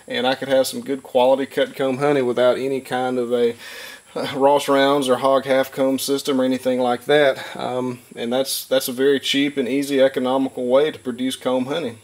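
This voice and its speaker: Man, thirties, relaxed instructional talk, mid-pitched, filler-heavy, workshop. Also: moderate pace. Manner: relaxed, plain-spoken, frequent "uh" fillers. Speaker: beekeeper and channel host. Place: wood-paneled workshop, indoors.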